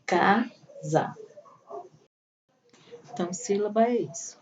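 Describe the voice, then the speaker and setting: A woman teacher explains a school lesson to children patiently, walking through examples step by step. Her voice sits a little low and sounds mellow, never sharp. She is picked up from a little way off the mic, with a faint hum in the room. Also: normal speed. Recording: voice a bit far from the mic, faint room noise.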